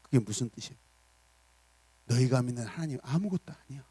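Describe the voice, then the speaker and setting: Emphatic Korean pastor preaching, dry sound. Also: male voice, mid-range voice, expressive, a little fast, breathy edge, no room sound. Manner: emphatic preaching that swings from loud declarations to soft asides; acts out little dialogues in character voices. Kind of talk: sermon.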